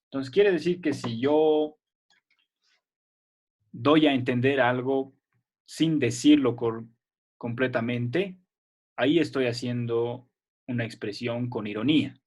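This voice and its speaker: A man's voice: mid-range voice, takes it slowly, pauses often, a little mellow. A male teacher leads a remote lesson for children, his voice sitting in an ordinary middle range. He explains patiently step by step and keeps checking that the class is following.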